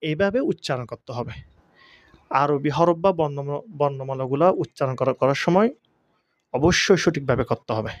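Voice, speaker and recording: A man's voice: a little high, expressive, no room sound, highs cut off. A male Quran teacher, giving a pronunciation lesson and drawing out each Arabic letter. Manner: drawn-out demonstration of each letter.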